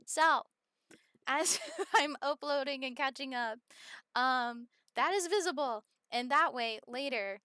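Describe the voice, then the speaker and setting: A woman live-streaming a game, chatting casually and rambling with many fillers, sometimes bursting into excited squealing greetings to her chat. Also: high-pitched, no echo, clean studio sound.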